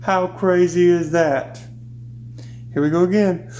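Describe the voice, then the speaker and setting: A science teacher with a medium-pitched voice runs a playful hands-on demonstration for kids, speaking slowly and exclaiming with delight when the experiment works. The room is echoey, with a steady hum underneath.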